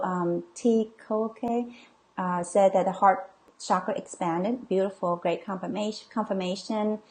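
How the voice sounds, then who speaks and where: A middle-aged woman coach and healer hosting a live online session, reading viewer comments and reassuring them with frequent "okay?" and filler sounds. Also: medium pitch. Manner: reassuring, many okays and ums, reads comments aloud.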